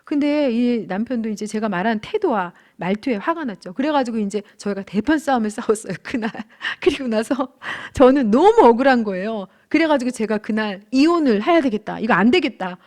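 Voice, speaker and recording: A woman's voice: a little high, fairly quick, hardly any pauses. A woman in her thirties teaching a church marriage class, telling candid personal stories in an earnest, conversational way. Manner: earnest, candid storytelling with animated quoted outbursts.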